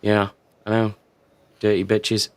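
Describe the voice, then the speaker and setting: A man's voice: fairly low pitch, monotone, takes it slowly, dry recording. A man on a podcast panel, joining in casual chat with laid-back banter.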